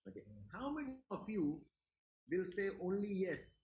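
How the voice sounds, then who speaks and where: A man's voice: sits high, sing-song, normal speed, darkish tone, reverberant, low-quality recording. A man with an Indian English accent teaching a class, emphatic, repeating his questions to the students. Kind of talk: classroom lecture.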